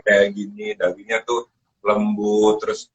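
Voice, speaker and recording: A man's voice: lowish voice, a little slow, highs cut off. Man animatedly telling kitchen stories. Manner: animated, acts out quoted voices while telling stories. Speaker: guest chef. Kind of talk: casual storytelling in a live chat.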